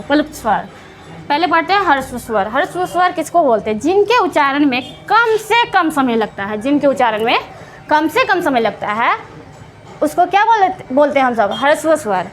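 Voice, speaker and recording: A woman teaching Hindi grammar to students, asking questions and answering them herself, repeating each key term and drawing out the example sounds. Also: sits high. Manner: drawn-out sounds when showing vowel and consonant examples. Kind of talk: classroom lesson explaining to students.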